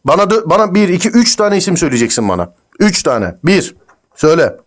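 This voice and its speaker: Guy doing a prank call as a pushy cop, talks super fast, kinda high voice. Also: very animated. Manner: pushy, interrogating, rapid-fire. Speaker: prank caller posing as crime officer.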